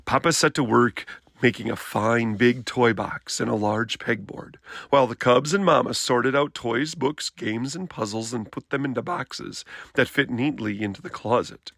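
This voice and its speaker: A man reading a children's picture book aloud in an expressive storytelling style. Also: mid-range voice, normal speed, creaky, no echo, clean studio sound.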